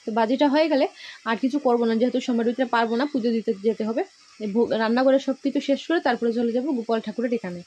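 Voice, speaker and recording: A woman's voice: a little high, very fast, mellow, dry recording, muffled recording. A woman with a Sylheti-influenced Bengali accent, from Assam, chatting casually to viewers while filming at her village home. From Assam, India. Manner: chatty, addresses viewers as friends. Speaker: vlogger. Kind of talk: casual home vlog narration. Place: village home kitchen and yard.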